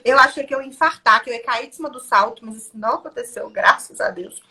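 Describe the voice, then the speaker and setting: A young woman with a Brazilian Portuguese accent, talking as a defense lawyer on a podcast. Her voice sits high and sounds bright and sharp. She advises emphatically and tells her stories with energy. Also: fast talker. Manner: emphatic, advising, lively storytelling. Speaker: criminal defense lawyer, guest. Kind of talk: podcast conversation.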